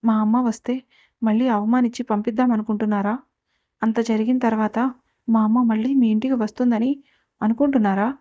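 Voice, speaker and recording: A woman's voice: on the high side, fairly even intonation, fairly quick, pauses often, warm tone, muffled recording, close to an everyday voice. A woman reading the lines of a proud, resentful young woman in a storybook tale, with reproachful questions. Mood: angry.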